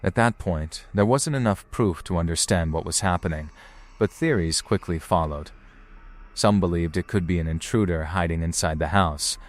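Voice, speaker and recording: A man with a deep-set voice narrates scripted suspense. He speaks in a deliberate, ominous storytelling manner, as a narrator laying out mysterious incidents. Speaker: narrator of paranormal footage compilation.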